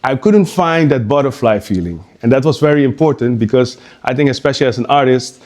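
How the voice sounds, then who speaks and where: A man from Curaçao, a guest speaker at an art exhibition, gives an informal live talk. His voice sits at a middle pitch. He talks in a halting, conversational way and keeps restarting his sentences. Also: expressive, a little mellow.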